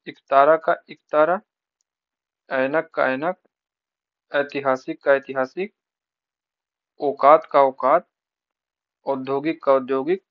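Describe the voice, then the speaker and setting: A man's voice: medium pitch, dry recording. Man drilling spelling words, dry lo-fi. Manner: rapid rote listing, repeating each word with brief tips. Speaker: teacher. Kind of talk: exam-prep spelling lesson, reading word lists.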